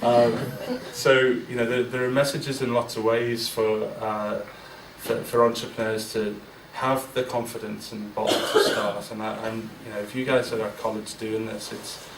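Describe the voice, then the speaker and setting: Before an audience in a big event room, a guest speaker in his forties gives an informal, candid talk at a business event, full of fillers and restarts. He speaks at normal speed with few pauses, his lowish voice level, over a noisy background picked up by a roomy, distant mic with faint ambience.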